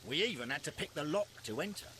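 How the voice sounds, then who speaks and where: An actor playing a formal police inspector in a detective game. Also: male voice, on the high side, lively intonation, fast talker, pushed and bright, slight background noise. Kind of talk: game voice acting.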